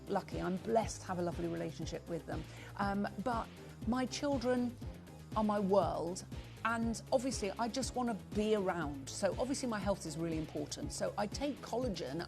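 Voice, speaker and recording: A woman in her sixties presenting on a live shopping channel, chatty and urgent as she rattles off buyers' names. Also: medium pitch. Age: 60s. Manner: chatty, rapid roll-call of buyers, upbeat urgency. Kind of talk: live TV sales pitch.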